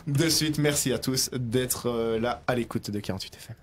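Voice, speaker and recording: A man's voice: medium pitch, a little fast, very noisy. A man hosting a live radio show, talking with many hesitations and reading out listener comments. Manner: hesitant, frequent fillers; reads listener comments aloud. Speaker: radio host.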